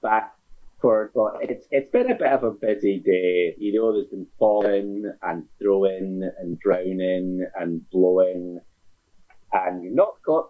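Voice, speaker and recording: A man narrating as game master of a tabletop role-playing game, wry and unhurried with playful asides. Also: deep voice. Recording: dull lo-fi sound.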